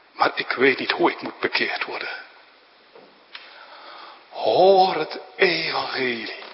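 A male pastor delivers a sermon in a high voice, pleading and solemn, pressing hard on his points. He speaks slowly and deliberately. The sound is dull and carries a long church echo. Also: slight background noise. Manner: solemn, pleading, rising to fervent emphasis.

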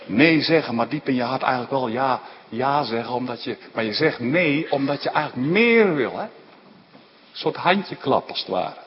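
A man preaching a sermon, explaining scripture in an emphatic, animated way with frequent rhetorical asides. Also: mid-range voice, normal speed, slight background noise. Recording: dull sound in a large reverberant hall.

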